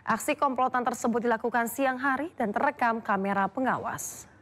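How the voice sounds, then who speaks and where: A woman's voice: a little high, fairly even intonation, brisk, fairly bright tone. A woman anchoring a television news bulletin, reading formally and addressing the viewers directly.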